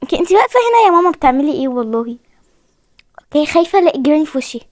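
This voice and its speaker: This is casual horror-game commentary from a young female host with an Egyptian Arabic accent, who talks to her viewers as she plays and often sounds frightened. She speaks high, in rapid-fire bursts with big swings in pitch. The audio is clean studio sound with no room sound.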